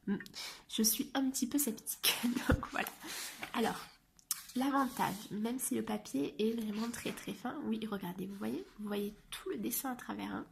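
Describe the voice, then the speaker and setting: A woman reviewing a coloring book in a soft, often half-whispered voice, hesitant and chatty. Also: on the high side, normal speed, creaky, noisy background. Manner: hesitant, with frequent fillers.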